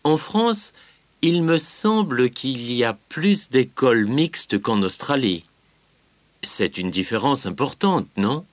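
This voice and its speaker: A man interviewing a student in a scripted language-exam dialogue, asking questions slowly and deliberately. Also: mid-range voice, animated, dry recording.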